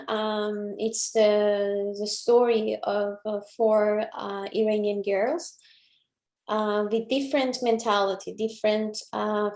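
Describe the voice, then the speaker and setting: Slow, gravelly-voiced young woman from Iran. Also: mid-range voice, darkish tone. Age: 20s. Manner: slow and measured, pauses often to find words. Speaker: featured artist. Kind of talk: online interview. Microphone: video call. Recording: roomy echo.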